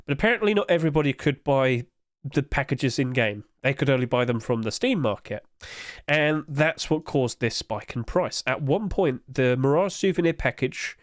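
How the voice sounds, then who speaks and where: In dry, clean studio audio, a fairly high-voiced man with nasal congestion offers casual screen-share commentary on the in-game item market. He keeps it loose and leans heavily on fillers.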